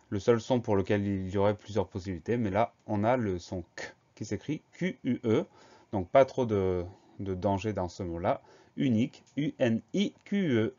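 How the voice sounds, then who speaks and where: A man's voice: fairly low pitch, darkish tone, highs cut off. A man with a French accent, teaching a spelling lesson patiently and spelling each word out letter by letter.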